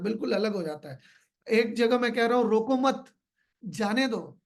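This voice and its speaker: A man giving a sales training talk, explaining points by repeating phrases and asking rhetorical questions. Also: sits high. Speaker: business trainer.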